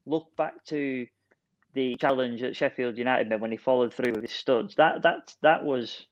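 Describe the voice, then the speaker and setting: A man's voice: mid-range voice, normal speed, no room sound. Male podcast co-host on a video call, muffled dry line, opinionated casual football talk. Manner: opinionated, reasons point by point, keeps saying "for me". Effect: heard over a video call. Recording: dull, dry lo-fi call audio.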